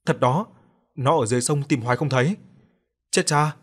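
A man's voice: mid-range voice, normal speed, natural voice. A man voicing a frightened young boy who begs urgently for help. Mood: frantic. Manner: breathless, urgent.

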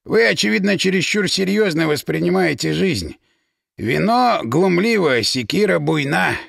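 A man's voice: high-pitched, animated, unhurried, gravelly, a bit bright, no echo, studio quality, heavily acted. A man doing an ironic, tipsy inventor. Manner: ironic, weary. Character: lazy, boozy male inventor, ironic.

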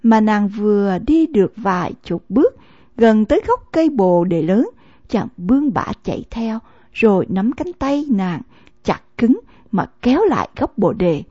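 A woman reading a novel aloud as an audiobook narrator, in measured storytelling narration, in a dull, lo-fi recording. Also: mid-range voice, big pitch swings, dark tone, no echo.

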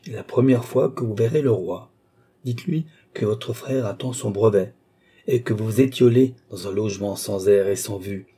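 A man voicing a brusque, impatient old baron who scolds his daughter with sharp, insistent lines. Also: on the low side, moderate pace, husky. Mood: scolding, impatient.

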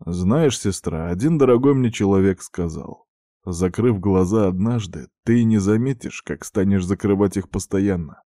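A man voicing a stubborn young male student fighter who talks bluntly and flatly. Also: low voice, moderate pace, no echo, studio quality, lightly acted.

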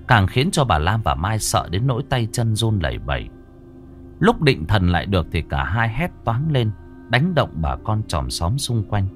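A man with a low voice narrates a ghost story in a dramatic, scripted reading. His pitch rises and falls widely as he lingers over gruesome details, and faint music plays quietly underneath.

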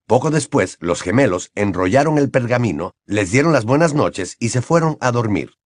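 A man narrates an audiobook with a lively, rising and falling delivery. His voice sits at a middle pitch. The recording is dry and close, with no room sound. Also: moderate pace, dry recording. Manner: expressive, varied storytelling. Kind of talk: audiobook reading.

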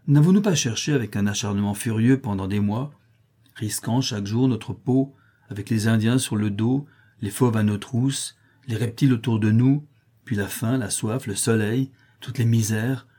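A man's voice: mid-range voice, moderate pace, mellow, natural voice. A man reading a doubting young man. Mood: insistent.

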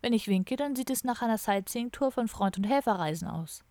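A woman's voice: a little high, animated, brisk, dark tone, no room sound. A woman voicing a cheerful, idealistic young hippie man who rambles on in a chatty, dreamy way. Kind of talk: audiobook character voice.

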